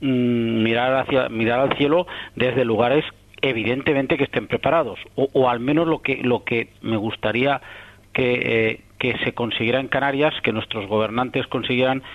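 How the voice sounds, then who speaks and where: A man's voice: mid-range voice, steady tone, moderate pace. A man from Catalonia, an astronomer answering interview questions in a thoughtful, rambling way full of restarts and tag questions. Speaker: astronomer guest. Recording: muffled radio broadcast.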